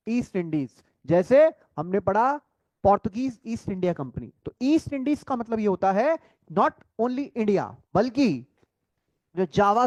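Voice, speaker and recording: A man teaching a coaching-class lecture, asking questions and answering them himself, repeating key terms with the answer dropping low. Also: darkish tone, dry recording.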